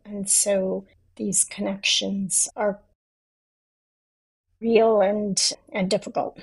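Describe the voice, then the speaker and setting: Husky creaky woman guest, anxious and kinda hesitant. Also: mid-range voice, rough recording. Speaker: guest, geographer. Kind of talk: podcast interview answer.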